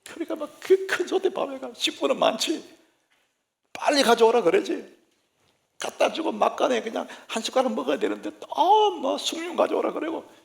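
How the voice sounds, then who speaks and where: A man, a senior pastor, preaching a sermon through lively, humorous stories. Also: very high-pitched, normal speed, gravelly. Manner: lively anecdotal storytelling, humorous.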